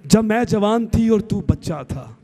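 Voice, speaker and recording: A man voicing an old mother who speaks to her grown son in a soft, tender, patient way. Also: high-pitched, lively intonation, pitched above the performer's own voice. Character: old mother, gentle and loving.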